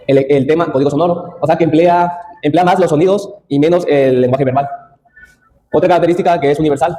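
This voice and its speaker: Fast-talking young man giving a class talk. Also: a little high, dark tone, low-quality recording. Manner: reads from slides with restarts and asides. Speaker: student presenter. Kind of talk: class presentation.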